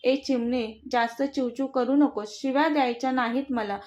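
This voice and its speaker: A woman's voice: sits high, fairly even intonation, moderate pace, a little mellow, close to an everyday voice. A woman voicing a brash, teasing young husband in a storybook reading, with a mocking, bossy manner. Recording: dull lo-fi recording.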